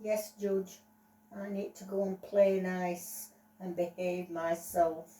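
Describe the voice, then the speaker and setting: A woman's voice: on the low side, flat delivery, takes it slowly, warm tone. A woman voicing a pleading defendant who promises a judge to behave. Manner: pleading, then meek. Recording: roomy echo, voice off-mic.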